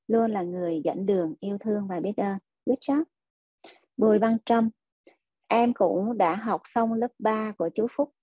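A woman hosting a spiritual energy livestream, reading viewer comments and chatting casually, full of enthusiastic praise and drawn-out filler sounds. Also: medium pitch, mellow, husky, no room sound. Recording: dull lo-fi sound.

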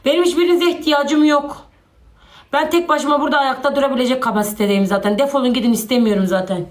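Exasperated high-voiced woman ranting on a live stream. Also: fast talker, reverberant. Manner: exasperated, repeats herself, sighing interjections. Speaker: social media personality on a live stream. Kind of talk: agitated live-stream rant to viewers.

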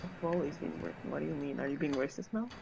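A woman's voice: deep voice, fairly even intonation, fast, vocal fry. A woman trading casual, slangy banter while gaming, with a teasing manner. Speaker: co-op gaming partner. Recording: dull lo-fi mic, faint noise.

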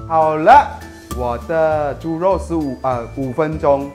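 A man's voice: on the high side, slow, faint music behind. Chatty man cooking at home. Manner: switches between English and Mandarin, chatty and excitable. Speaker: cooking show host. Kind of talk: casual cooking demonstration. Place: outdoor market, then home kitchen. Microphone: lapel mic.

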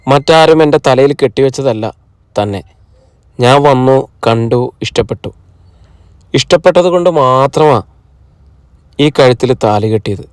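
A man's voice: mid-range voice, a little mellow, clean tone, no room sound, clean studio sound, lightly acted. A man voicing a troubled, emotional middle-aged husband in an audiobook, speaking earnestly. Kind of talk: audiobook character reading.

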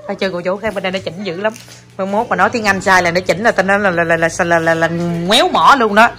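A mother, chatting casually to viewers in a family vlog while talking with her daughter, animated and quick to laugh. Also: medium pitch.

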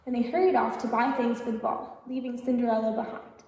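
A woman reads a children's picture book aloud at a library storytime, pausing to ask the children gentle questions. Her voice is fairly high. It echoes around a large room from far off the mic. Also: fairly even intonation. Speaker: storytime reader. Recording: echoey hall, distant mic.

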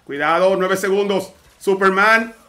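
A man doing energetic live play-by-play commentary on a fighting game match, urgently calling every move and addressing viewers directly. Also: high voice, unhurried. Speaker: esports caster.

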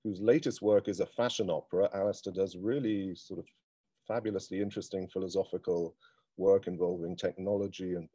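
A middle-aged man hosting a live-streamed cultural event, talking in an unhurried, thoughtful way with frequent ums and restarts. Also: low-pitched, warm tone, dry recording. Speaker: host.

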